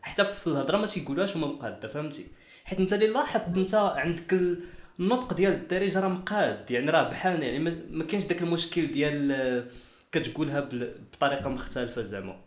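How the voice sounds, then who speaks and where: A man with a Moroccan Arabic accent hosts a casual interview. He rushes through long, explaining questions at a very fast pace, in a slightly high voice. The room around him sounds echoey. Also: expressive. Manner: rapid, talks in long explaining runs. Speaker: interview host.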